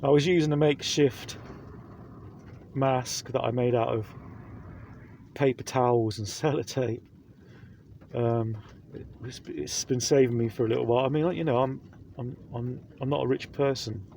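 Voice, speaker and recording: A man's voice: mid-range voice, steady tone, normal speed, gravelly, long pauses, darkish tone, slight background noise. A man talking to camera in a rambling vlog, full of fillers and restarts, speaking through a face mask. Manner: rambling, repeats himself, many fillers. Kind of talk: casual vlog monologue.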